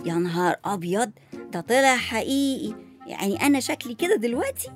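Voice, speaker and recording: Sharp-tongued Egyptian grandma, high voice, quick delivery, faint music under. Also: female voice, sing-song. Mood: grumbling. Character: fussy elderly grandmother new to phones. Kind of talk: comedy sketch acting.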